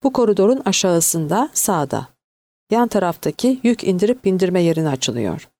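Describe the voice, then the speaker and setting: A woman reading the lines of a male security guard in an audiobook, talking quickly and eagerly. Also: on the low side, big pitch swings, dark tone, no echo. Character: hurried male security guard in his uniform.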